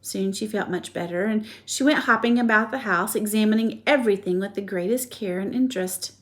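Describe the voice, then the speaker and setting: Woman reading a storybook aloud, expressive, stops to show pictures, mid-pitched voice. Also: a little fast. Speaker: reader of a children's book.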